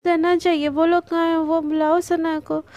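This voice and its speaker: A woman's voice: very high voice, flat delivery, a little slow, darkish tone. A woman voicing an insistent, talkative young neighbor woman in an audio love story. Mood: pushy. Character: pushy chatty young neighbor woman Manya.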